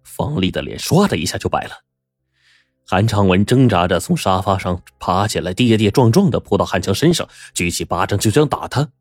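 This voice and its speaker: A man narrating a scripted story in a lively, dramatic way. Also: deep voice, a little fast, dry recording, clean studio sound, faint music behind.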